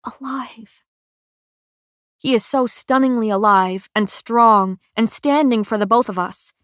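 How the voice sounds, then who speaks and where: A woman narrating a first-person audiobook in a slow, measured, emotional reading on a close studio mic. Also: on the high side, fairly bright tone, smooth, dry recording.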